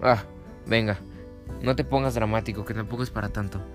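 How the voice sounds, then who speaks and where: A man's voice: lowish voice, fairly even intonation, quick pace, darkish tone, faint music behind, lightly acted. A man voicing a selfish older horse in a children's story, with a dismissive, annoyed manner.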